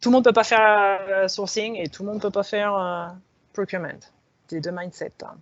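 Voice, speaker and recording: Lively frank woman, lo-fi sound. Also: medium pitch, moderate pace. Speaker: alumna guest. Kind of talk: panel discussion. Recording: dull lo-fi audio.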